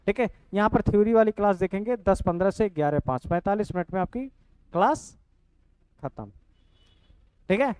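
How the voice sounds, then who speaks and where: A man's voice: sits high, a little mellow, clear, resonant tone, dry recording, rough recording. A young man, explaining a course lesson casually and checking in often with "theek hai". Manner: repeats "ठीक है" and addresses students directly. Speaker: online coaching teacher.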